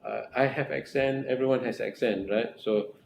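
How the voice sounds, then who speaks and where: Creaky and a little mellow, this middle-aged Malaysian-accented man's mid-range voice holds fairly even intonation at normal speed. As a supervisor advising a research student, he repeats himself earnestly, restarts phrases, and regularly asks "right?" Faint noise and echo color the room.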